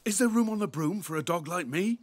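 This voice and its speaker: A man voicing an eager, hopeful dog in an animated film. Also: high-pitched, brisk. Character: eager keen male dog.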